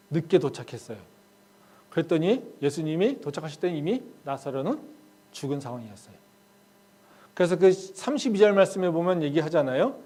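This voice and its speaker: A man with a high voice preaches a sermon in a church. His delivery swings between hushed, low-key talk and loud, impassioned appeals to the congregation. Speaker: pastor.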